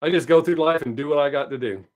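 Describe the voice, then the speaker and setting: Speaking fast with a slightly high voice, a man in his fifties runs a casual livestream. He chats upbeat with his viewers and answers each one by name.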